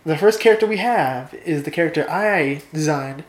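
Low-voiced playful young woman. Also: animated, normal speed, echoey room. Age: young adult. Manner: playful, laughs easily, reads a story aloud. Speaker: co-host. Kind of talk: casual chat and storytelling.

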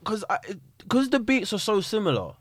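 A man's voice: high voice, very animated, moderate pace, no room sound, clean studio sound. A man with an urban London accent, chatting casually, often questioning and repeating himself as he goes. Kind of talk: casual group chat about music.

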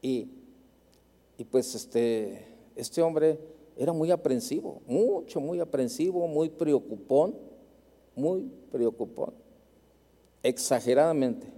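A man's voice: a little high, lively intonation, takes it slowly, long pauses, warm tone, long reverb tail. A man with a Mexican accent preaching a sermon as a pastor, telling a story and repeating phrases for emphasis.

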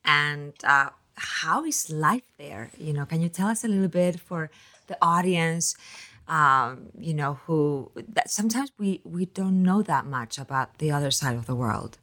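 A woman's voice: sits low, expressive, a little slow, pushed and bright. A woman from Spain hosting a podcast interview, talking at length and rambling with restarts. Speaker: podcast host.

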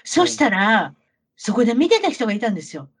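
Animated, high-voiced Kansai auntie chatting fast. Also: female voice, slightly rough. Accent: Kansai Japanese. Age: middle-aged. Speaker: podcast co-host telling travel stories. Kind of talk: casual chat, anecdotes.

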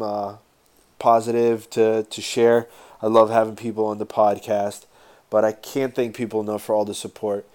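A man with a lowish voice and very little rise and fall talks casually as a podcast host. His nose is stuffed up from a sinus cold, so he sounds congested and breathes through his mouth as he speaks. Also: a little mellow, clear, resonant tone. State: stuffed-up nose, getting over a sinus infection. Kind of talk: casual solo podcast talk with sponsor plugs.

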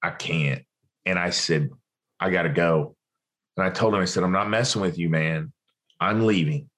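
A man's voice: low-pitched, moderate pace, a bit bright. A man, a podcast guest, telling a story in conversation and acting out the dialogue of the people in it.

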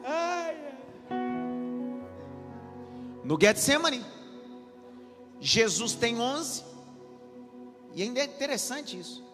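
A man's voice: very high voice, sing-song, slow, long pauses, pushed and bright. A man, a pastor preaching a sermon, often repeating his lines as he builds intensity. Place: church hall. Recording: hall reverb with faint music.

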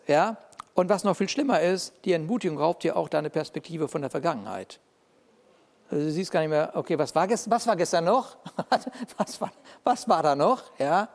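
A man preaching a sermon in a lively, conversational way, often checking in with his listeners. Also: high-pitched. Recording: long reverb of a large hall.

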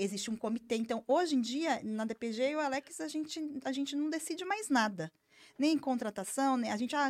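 A woman, a business owner, talking candidly and emphatically in a casual interview. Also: fairly high pitch. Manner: candid, emphatic, animated storytelling.

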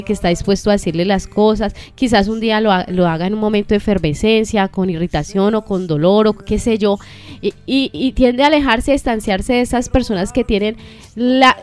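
Earnest woman teaching faith, soft music behind. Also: medium pitch, smooth. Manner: measured, earnest, many rhetorical questions and restarts. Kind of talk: reflective faith teaching in conversation.

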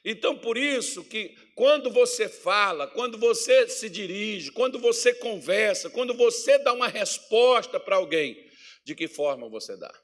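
Man, pastor, high-pitched, folksy storytelling sermon. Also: lively intonation, normal speed. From Minas Gerais, Brazil. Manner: folksy, storytelling preacher who shifts between loud declarations and soft asides.

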